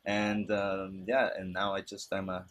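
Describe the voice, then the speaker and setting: A man's voice: deep voice, monotone, unhurried, fairly bright tone. A young adult man, a musician, chatting in an easygoing way in a casual interview. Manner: easygoing with "you know" fillers.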